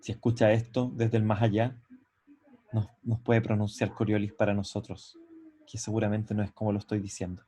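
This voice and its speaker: A man's voice: on the low side, flat delivery, dark tone. A man giving an online university lecture from a computer microphone. He explains step by step, often stops to check that students follow, and restarts his sentences as he thinks. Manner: halting, with frequent restarts. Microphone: computer mic on a video call.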